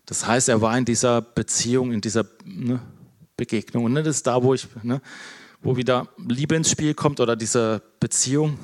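Man, preacher, informal sermon, conversational, low-key, frequent fillers and restarts. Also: steady tone, moderate pace. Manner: conversational, tags nearly every phrase with "ne?", many fillers and restarts; calls himself introverted, talks in a thoughtful, low-key way.

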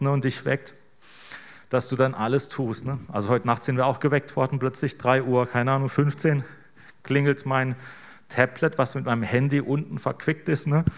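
Casual preacher man tagging "ne?". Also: mid-range voice. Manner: casual, keeps adding "ne?" to draw in listeners. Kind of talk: conversational sermon.

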